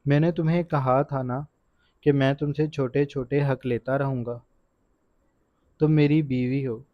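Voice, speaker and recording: A possessive husband speaks in a middle-pitched voice, coaxing softly but firm, as a male narrator acts him out. The recording is dull and completely dry. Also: steady tone, no echo, natural voice. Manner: gentle coaxing, turning to stern orders. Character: possessive husband, tender then commanding.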